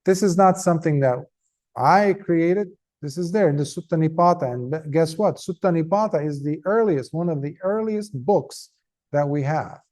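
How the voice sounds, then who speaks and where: Speaking to a gathering, a monk delivers an earnest, conversational Dhamma talk with emphatic stresses and pauses, sounding weary. His pitch leans high, though the tone is rather dark.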